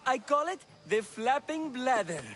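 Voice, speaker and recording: A man's voice: very high voice, big pitch swings, a little slow, fairly bright tone, a little hiss or hum, heavily acted. An actor playing a teasing, theatrical male comic playwright in a video game. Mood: mocking. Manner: teasing, theatrical, loves his own jokes. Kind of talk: video game character dialogue.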